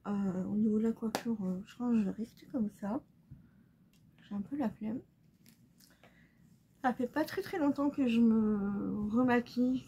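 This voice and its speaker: A young woman talking casually while doing her makeup at home, soft-spoken and halting, full of pauses and fillers. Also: medium pitch, slight background noise. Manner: hesitant, halting, many fillers; soft and subdued. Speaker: beauty vlogger. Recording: slightly dull recording, faint room ambience.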